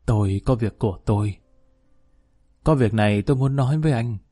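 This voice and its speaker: Weak sly old guy, slow broken murmur, dark dry tone, man doing the voice. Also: medium pitch, no room sound, close to an everyday voice. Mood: secretive. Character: frail old man, former official, sly.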